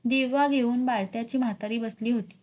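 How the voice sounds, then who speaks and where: A woman teacher reading a novel aloud with expressive emphasis for her students. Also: fairly high pitch, a little fast. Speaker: literature teacher.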